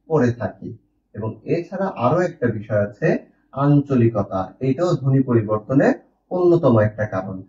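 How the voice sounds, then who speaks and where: A man's voice: medium pitch, mellow, lo-fi sound. Man teaching grammar in a roomy distant echo. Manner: explains patiently, asks and answers his own questions. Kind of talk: online grammar lesson.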